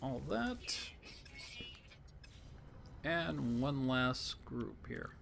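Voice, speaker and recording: A man commenting on his live gameplay in a low-key way, thinking aloud and greeting chat, with a voice that is going hoarse. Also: sing-song, very slow, fairly bright tone, a little hiss or hum. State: losing his voice. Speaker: game streamer.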